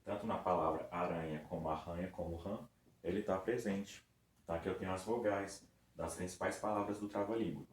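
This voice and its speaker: A man with a Brazilian Portuguese accent teaches a recorded review lesson for children, patiently drawing words out syllable by syllable. His voice is deep and steady. The room is echoey, with faint background noise.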